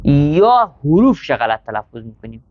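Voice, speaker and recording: Reading Arabic aloud one line at a time, a male seminary teacher explains the passage and checks his students' understanding in a slightly high, sing-song voice. Slight background noise accompanies the dull, lo-fi audio.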